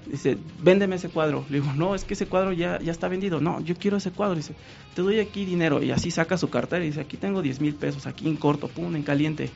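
A man's voice: a little high, fast, vocal fry, muffled recording, soft background music. A man with a Mexican accent, a painter guest telling a story in casual talk and acting out what people said. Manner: animated, acts out quoted dialogue.

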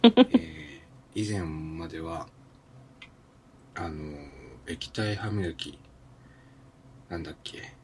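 Podcast host, male, very low voice; soft, partly whispered solo monologue. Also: slight background noise. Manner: soft, often half-whispered, unhurried. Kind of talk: solo recorded morning-routine monologue.

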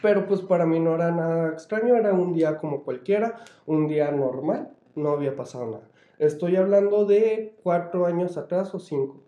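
A man with a Mexican accent tells a story to friends in a loose, rambling way, full of fillers and slang. His voice is very dark and mellow. The room gives it a noticeable echo. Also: on the high side, normal speed, hardly any pauses. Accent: Mexican Spanish. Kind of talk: casual spoken storytelling among friends. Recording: roomy echo.

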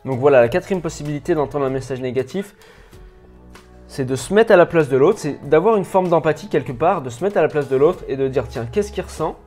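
Here the French-accented coach sounds a little high and a little mellow, talking slightly fast with lively intonation over faint music. His improvised, informal lesson to the viewer is full of stammers, restarts, repetitions, and rambling.

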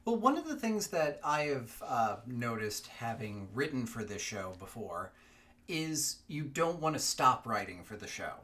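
A man's voice: medium pitch, very animated, unhurried, a bit bright. A man co-hosting a fiction podcast, chatting casually with many fillers. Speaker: podcast co-host.

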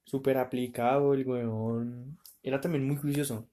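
A young man with a Colombian accent, co-hosting a podcast and telling a school story in casual chat, animated and full of slang. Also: medium pitch, normal speed. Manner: animated, slangy, tumbling narration. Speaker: podcast co-host.

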